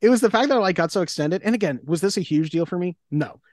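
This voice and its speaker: A woman's voice: fairly low pitch, quick pace, no echo, clean studio sound. A young woman co-hosting a podcast in casual chat, laughing often and acting out her reactions. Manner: laughing, animated, acts out reactions in quoted voices. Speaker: podcast co-host.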